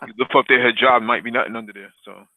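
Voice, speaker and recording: Co-hosting a casual political podcast, a man with a steady, medium-pitched voice speaks quickly over a noisy background. He rambles with many fillers, cracks crude jokes, and swears, and the audio has a dry, tinny phone-line quality.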